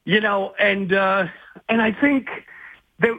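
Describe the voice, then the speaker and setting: A man's voice: high voice, takes it slowly, no room sound. A man speaking as a guest investigative journalist, rambling and hesitant, with many restarts, in a phone interview. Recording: tinny phone line.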